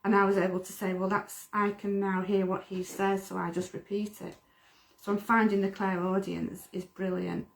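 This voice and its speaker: A woman's voice: mid-range voice, little pitch movement, moderate pace, gravelly. A middle-aged woman from the UK, a medium chatting earnestly on a livestream and often repeating words. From United Kingdom. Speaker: medium, co-host. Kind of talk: casual livestream chat.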